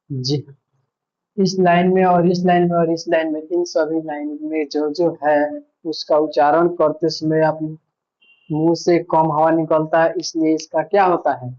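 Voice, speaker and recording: A man's voice: fairly high pitch, highs cut off. A male teacher giving an online grammar lesson, patiently repeating points and asking himself questions.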